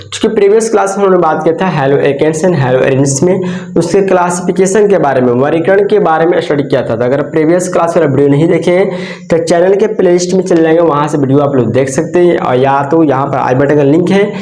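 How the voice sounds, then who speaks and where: A man's voice: a little high, brisk, a little mellow. A man teaching a chemistry lesson, asking himself questions and then answering them as he explains. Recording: echoey room.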